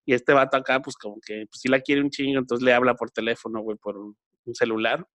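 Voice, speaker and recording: A man with a Mexican accent chatting casually as a podcast co-host, full of slang and putting on quick voices in quotes. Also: mid-range voice, steady tone, fairly bright tone. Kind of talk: casual chat.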